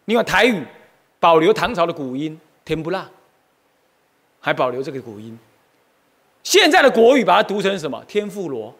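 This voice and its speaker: A middle-aged male monk teaches Buddhist history in an animated lecture. His voice sits high and swings widely up and down. He keeps turning to his listeners with questions and exclamations. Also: normal speed, long pauses, slightly rough. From Taiwan. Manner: animated, asks the audience questions, exclaims often.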